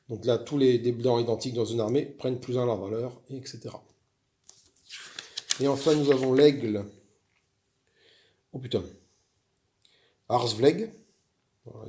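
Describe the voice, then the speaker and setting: Homme français bavard, voix éraillée. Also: male voice, mid-range voice, gravelly, dark tone. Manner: chatty, rambling, frequent restarts and fillers. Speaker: board game video host. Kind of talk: casual solo game walkthrough.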